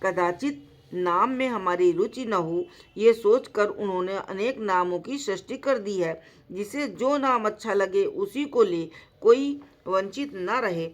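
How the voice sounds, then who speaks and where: Slow, deliberate woman reciting scripture. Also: medium pitch, lively intonation. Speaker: storyteller. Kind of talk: devotional story reading with scripture recitation.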